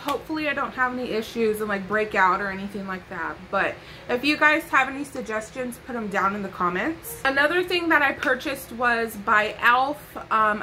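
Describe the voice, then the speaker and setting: Young woman vlogger, sassy and chatty; bright, pushed tone, faint room hiss. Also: fairly high pitch, poor audio. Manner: sassy, playful asides, chatty. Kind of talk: casual haul chat to camera. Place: bedroom.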